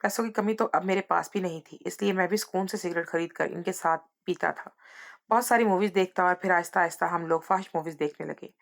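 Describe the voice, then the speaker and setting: A woman narrating a scripted first-person story at a slow, measured pace. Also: lowish voice, creaky.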